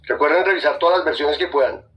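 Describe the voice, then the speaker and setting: A man's voice: fairly high pitch, fast, noisy background. A man preaching a sermon as a guest preacher, emphatic and repetitive, speaking straight to his listeners. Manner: emphatic, repeats phrases, addresses listeners directly.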